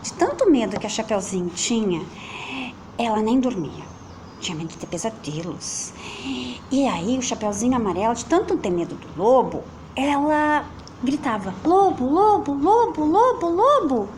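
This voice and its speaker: Lively Brazilian woman telling a kids' story. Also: a little high, normal speed, noisy background. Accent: Brazilian Portuguese. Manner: warm, lively sing-song for children, playful with words. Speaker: storyteller teacher. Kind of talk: reading a children's story aloud. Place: at home with children and a pet nearby.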